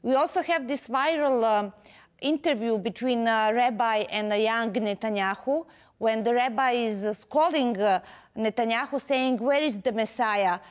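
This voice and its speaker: A woman's voice: fairly high pitch, moderate pace. Hesitant woman interviewer. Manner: hesitant, many fillers and restarts. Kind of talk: interview questions.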